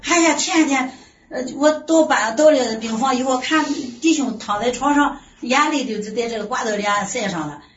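A woman's voice: sits high, normal speed. A middle-aged woman giving an earnest personal faith testimony, full of sighing exclamations. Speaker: church member giving testimony. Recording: distant roomy lo-fi recording with faint hiss.

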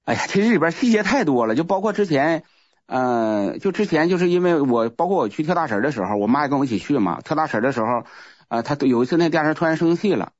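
Fast-talking man. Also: on the high side, lively intonation, no echo. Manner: rambling, repeats words, restarts often. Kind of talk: casual spoken testimony. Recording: muffled lo-fi recording.

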